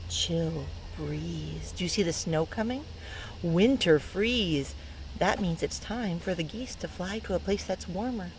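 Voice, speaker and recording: The audio is poor in this lakeside clip of a woman with a somewhat low voice reading a picture book aloud to young children. An early learning teacher, she reads expressively and playfully, performs the sound words and asks the children questions, with steady outdoor ambience from the water behind her.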